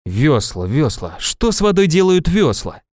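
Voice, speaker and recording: A man reading a storybook, voicing a calm, playful middle-aged father who speaks slowly and deliberately. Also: on the high side, no echo, clean studio sound. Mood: patient.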